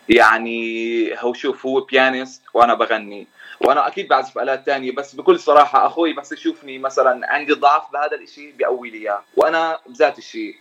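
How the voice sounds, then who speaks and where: A man's voice: mid-range voice, fairly bright tone, lo-fi sound. A young man with a Jordanian Arabic accent, speaking casually as a singer interviewed on a show. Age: young adult. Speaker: guest singer and musician.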